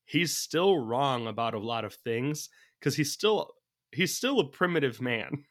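A man's voice: mid-range voice, expressive, unhurried, a bit bright. A man chatting casually about a movie as a podcast co-host, thinking aloud from his notes and laughing often. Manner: laughs often while talking.

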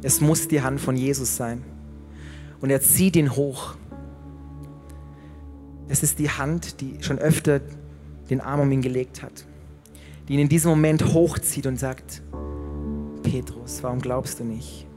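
A pastor telling a Bible story in a sermon, dramatic, with his voice dropping very low and quiet at key moments. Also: steady tone, measured pace, pauses often, music in the background. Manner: dramatic, drops to near-whisper at key moments.

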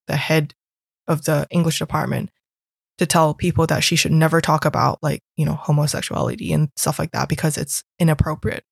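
With vocal fry and a voice that sits low, a young Hong Kong woman guest tells casual, chatty stories about her school experiences, using "like" heavily. There's no room sound, and the audio is clean studio quality.

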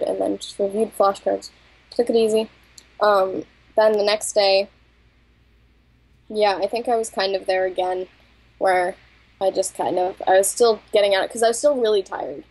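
Female podcast co-host, husky and breathy, candid and self-conscious, laughs a lot. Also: mid-range voice, flat delivery, moderate pace, darkish tone, low-quality recording. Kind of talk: casual chat.

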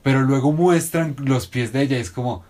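A man's voice: mid-range voice, brisk, darkish tone, slight background noise. Young Colombian man co-hosting a casual review podcast; emphatic, slangy delivery with frequent swearing. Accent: Colombian Spanish. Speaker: podcast host. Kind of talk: casual chat.

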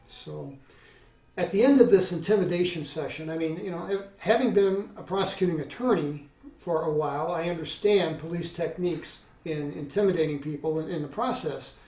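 Middle-aged male guest, slightly high voice, halting storyteller, distant roomy recording. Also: warm tone. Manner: halting, many restarts and fillers. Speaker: interview guest recounting experience. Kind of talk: conversational storytelling.

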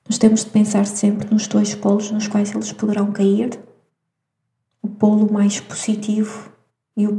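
A woman with a European Portuguese accent gives a spiritual astrology talk in a slow, reflective, soft-spoken way. Her voice is deeply mellow and dark, with little rise and fall. The room around her carries a clear echo. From Madeira, Portugal. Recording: echoey room.

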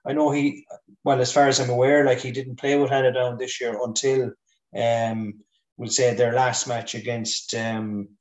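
A man with a west of Ireland accent talking sport casually as a pundit, halting and thinking aloud. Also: medium pitch, flat delivery. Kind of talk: casual Gaelic football discussion. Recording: roomy echo, distant from mic.

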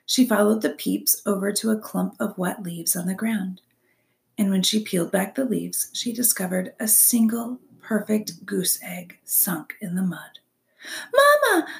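A woman reading a chapter book aloud as a storyteller, expressive and dropping to soft whispers for suspense. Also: lowish voice, gravelly. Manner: expressive, drops to soft whispers for suspense, asks listeners questions.

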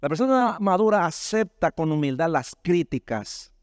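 A male pastor preaching a sermon, often calling his listeners "brother" and asking them "right?", his pitch swinging sharply up and down. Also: sing-song, moderate pace, smooth, dry recording, studio quality. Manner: preaching with sudden rises and drops in pitch, many rhetorical tag questions.

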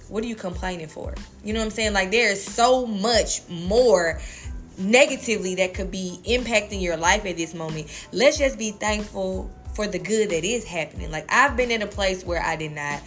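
A woman co-hosting a podcast speaks at a middle pitch, earnest and reflective with a playful edge. Faint music plays underneath. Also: moderate pace, a bit bright. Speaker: podcast co-host. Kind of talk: casual chat.

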